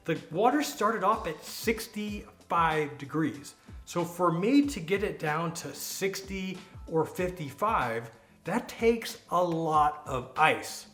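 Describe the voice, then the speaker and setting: Higher-voiced American man over music. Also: a bit bright. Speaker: vlogger. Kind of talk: casual personal storytelling to camera.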